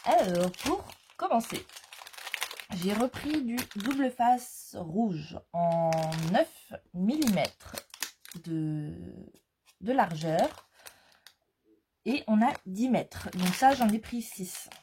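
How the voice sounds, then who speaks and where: A woman's voice: mid-range voice, lively intonation, slow, pauses often, background noise. A woman scrapbooking vlogger chatting casually through a product haul, hesitant with frequent fillers.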